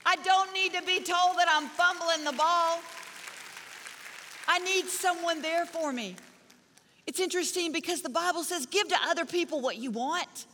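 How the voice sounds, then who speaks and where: A middle-aged woman preaching a sermon in a large church auditorium, her high, bright voice ringing with a long hall reverb. She tells stories and drives her points home with punchy, repeated phrases. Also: moderate pace, a little hiss or hum. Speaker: pastor.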